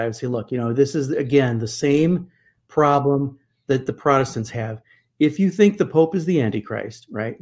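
A guest church historian in his fifties speaks over a video call from his home study, his mid-range voice picked up by a webcam. He is emphatic and animated, often asking rhetorical questions.

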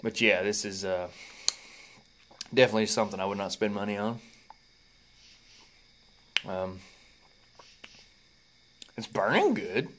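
A man's voice: on the low side, little pitch movement, moderate pace, long pauses, fairly bright tone, a little hiss or hum. A young man in his twenties with a Kentucky Southern accent, rambling casually through a review in a laid-back, folksy way, at times talking with a pipe in his mouth. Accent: Kentucky Southern American. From Kentucky, United States. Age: 20s. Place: small room indoors. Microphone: phone at arm's length.

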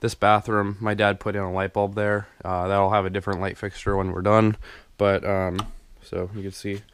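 Rambling with lots of ums and restarts, a young DIY renovation vlogger walks viewers through his unfinished basement, recorded on his handheld camera mic while moving. His voice sits on the low side with little pitch movement and a moderate pace. It sounds clear and resonant.

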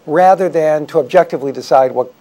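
A man speaking as a historian guest on a talk show, explaining in a measured, articulate way. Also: on the high side, warm tone. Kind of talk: explanatory interview answers.

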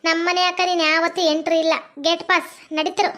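Lady doing a north karnataka mother-in-law, super high voice, rattles off taunts fast, totally scornful. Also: level tone, fairly bright tone. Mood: scolding. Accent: North Karnataka Kannada. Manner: scornful, scolding, sing-song taunts. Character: harsh scolding middle-aged mother-in-law. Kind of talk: family comedy skit acting.

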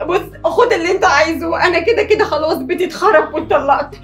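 A woman's voice: extremely high pitch, quick pace, fairly bright tone, far from the mic. A woman with an Egyptian accent playing a frightened young wife and mother who pleads and swears oaths. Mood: pleading. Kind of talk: comedy sketch acting.

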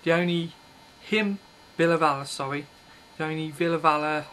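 Using his webcam's built-in mic indoors in a small bedroom with red curtains, a thirties-aged vlogger delivers a casual, rambling monologue to camera, blunt, offhand, and quick to abandon thoughts halfway. He sounds high-ish, bright, and forceful, with a steady tone and moderate pace, and the rough recording has a little hiss or hum.

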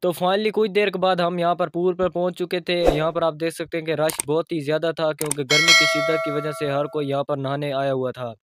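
A man's voice: fairly high pitch, flat delivery, a little fast, few pauses. A young man with a Pakistani Urdu accent, narrating his own vlog in a friendly, casual storytelling way. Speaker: vlogger.

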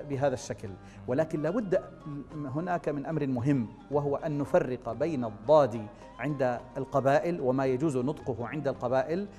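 A man, a scholar of Quranic recitation, explaining in a measured way with drawn-out fillers and spoken pronunciation demonstrations, as a TV studio guest. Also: mid-range voice, mellow. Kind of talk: explanatory TV interview answer. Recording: reverberant studio with faint background music.

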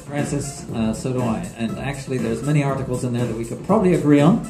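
A man's voice: mid-range voice, fast, roomy sound, music in the background, poor audio. A middle-aged man co-hosting a business interview, playful and teasing with his guest, using a handheld mic. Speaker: co-host. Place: small studio set with couches.

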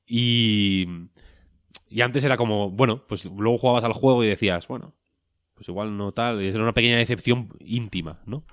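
A man's voice: on the low side, brisk, a bit bright, no room sound, studio quality. A man, co-hosting a podcast in casual chat, rambling and joking with a lot of swearing. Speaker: podcast co-host.

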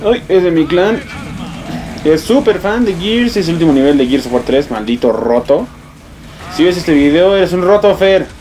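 A young man with a Mexican accent giving excitable, swear-filled let's play commentary, yelping and exclaiming as he plays. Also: fairly high pitch, moderate pace, slight background noise. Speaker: gamer.

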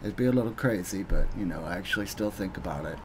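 A man giving an earnest, halting thank-you speech on his live stream, pausing often with ums. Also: sits low, expressive, noisy background. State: getting emotional.

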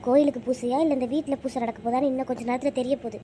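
A woman's voice: sits high, steady tone, very fast, warm tone, a little hiss or hum, natural voice. A woman voicing a conniving cartoon aunt. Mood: sly. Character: scheming sly middle-aged aunt.

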